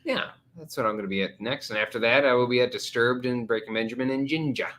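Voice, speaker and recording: A woman's voice: a bass voice, quick pace, fairly bright tone. A young adult woman hosting a casual live stream chat, full of crude teasing jokes. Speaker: host.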